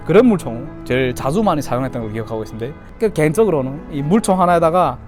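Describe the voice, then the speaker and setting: Over background music, this YouTuber in his thirties recounts childhood stories to camera in a relaxed way. His Yanbian Chinese-Korean accent comes through in a slightly high, expressive voice at a fast clip.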